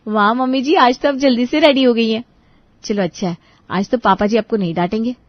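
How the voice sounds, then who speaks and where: A woman's voice: a little high, fairly quick, no room sound, dull audio, close to an everyday voice. A woman voicing a polite, eager young daughter-in-law in a cartoon story.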